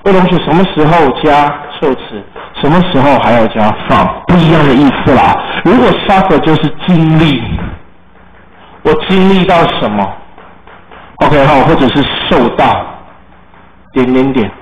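A man's voice: a little high, animated, normal speed. Man teaching English, spelling words aloud. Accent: Taiwanese Mandarin. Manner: spells words letter by letter, explains in Chinese. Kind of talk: classroom lesson. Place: classroom. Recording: roomy, muffled classroom recording with faint noise.

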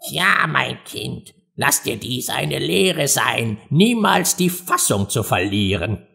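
Guy doing an old crab dad, slow and soft, preachy. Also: medium pitch, sing-song, creaky, heavily acted. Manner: slow and quiet lecturing.

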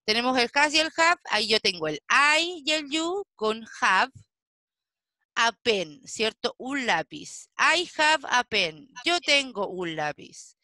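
Patient woman English teacher with a higher, crisp voice and a slow, checking delivery. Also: animated, sharp tone, no room sound. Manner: slow, patient explaining with frequent checking questions. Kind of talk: online class lesson.

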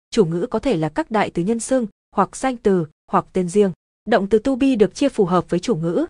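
A woman teaching a grammar lesson in scripted narration, explaining in an even, measured way. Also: mid-range voice, no room sound, studio quality.

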